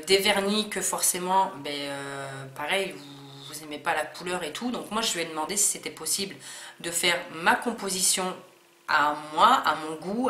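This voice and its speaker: A beauty vlogger chats through a casual unboxing, her lowish voice bright and forceful. She sounds hesitant, full of fillers and restarts. The room is echoey, with a little background noise.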